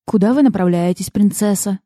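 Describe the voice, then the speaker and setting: A woman's voice: mid-range voice, brisk, warm tone, no echo, lightly acted. A woman voicing a self-assured male boss with a mocking, dry and commanding manner, as an audiobook character.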